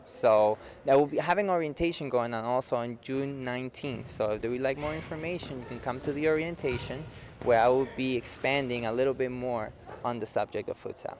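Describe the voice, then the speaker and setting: Interviewed by local cable TV at an indoor futsal venue, a Peruvian coach of youth futsal in his forties keeps it simple and keeps asking "okay?". He talks briskly in a mid-range, slightly mellow voice, with a little hiss or hum on the recording.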